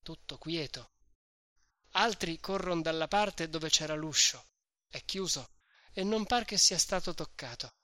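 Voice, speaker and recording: A reader narrating a classic novel in a measured storytelling manner for an audiobook. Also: mid-range voice, bright, forceful tone, no room sound, studio quality.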